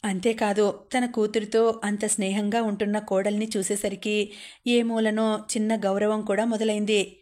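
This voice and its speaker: A woman narrating an audiobook novel in a steady, even manner. Her mid-range voice barely rises or falls as the story moves along. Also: medium pitch, moderate pace.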